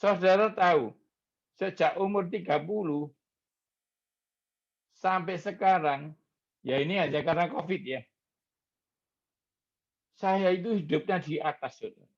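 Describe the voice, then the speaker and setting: A man's voice: high voice, unhurried, long pauses. A middle-aged man preaching a sermon, telling stories animatedly and acting out the voices he quotes. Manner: animated storytelling, acts out quoted voices, addresses congregation as "saudara". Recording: slightly dull lo-fi sound.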